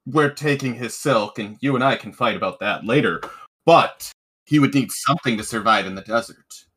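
A male tabletop player with a dry, deadpan delivery. His tone is bright and forward, at a middle pitch. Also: normal speed, slightly rough. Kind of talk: tabletop game table talk.

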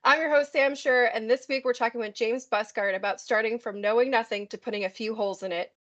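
A woman's voice: on the high side, steady tone, fast, highs cut off. A woman hosting a podcast, chatty and upbeat, reading a scripted intro and asking questions. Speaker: podcast host.

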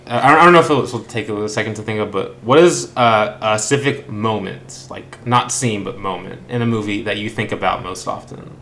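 A man's voice: on the low side, brisk, hardly any pauses, fairly bright tone, roomy sound, a little hiss or hum. A man co-hosting a casual film podcast, rambling with many restarts and fillers. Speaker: podcast co-host.

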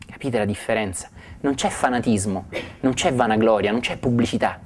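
A man giving a spiritual talk, retelling a sacred story with marveling, warm asides to his listeners. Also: mid-range voice, fairly quick, a little hiss or hum. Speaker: spiritual teacher.

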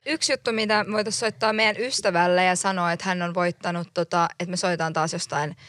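A woman's voice: fairly low pitch, fairly even intonation, a bit bright, dry recording, clean studio sound. A woman in her late twenties co-hosting a podcast, chatting casually with a self-conscious tone. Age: 20s. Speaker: podcast co-host. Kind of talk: casual chat.

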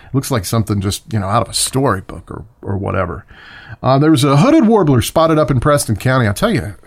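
A man's voice: medium pitch, big pitch swings, quick pace, breathy edge. A man hosting a casual birding podcast, talking in a rambling, chatty way with self-corrections and short rants. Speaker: podcast host. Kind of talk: casual solo podcast talk.

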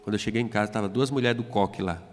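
A man's voice: lowish voice, steady tone, very fast, slight background noise. Pastor telling his testimony. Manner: storytelling, acting out dialogue. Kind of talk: testimony sermon. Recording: reverberant hall with soft music.

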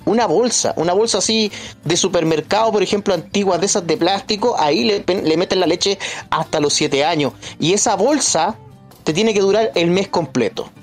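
A man commenting as a guest in a podcast discussion, emphatic and deliberate. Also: high voice.

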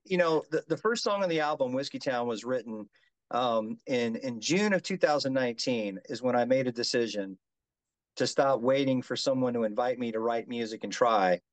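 A man's voice: medium pitch, expressive, moderate pace, no echo, rough recording. A man in his fifties who grew up around the Gulf Coast, talking earnestly as a musician guest in an interview, restarting sentences often. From Gulf Coast of the United States. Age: 50s. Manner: earnest, restarts often, says "yes, sir". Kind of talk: casual interview chat.

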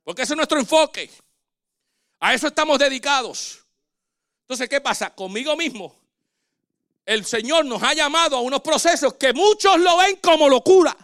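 Man, pastor, sermon, high voice, animated preaching. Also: moderate pace, long pauses. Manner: animated preaching with quoted dialogue.

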